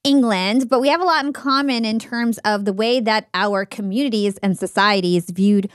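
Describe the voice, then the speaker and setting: A woman's voice: medium pitch, normal speed, no echo, studio quality. A woman from New Jersey hosting a podcast, introducing her guest and asking methodical, researched questions. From New Jersey, United States. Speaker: podcast host. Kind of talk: scripted intro and interview questions.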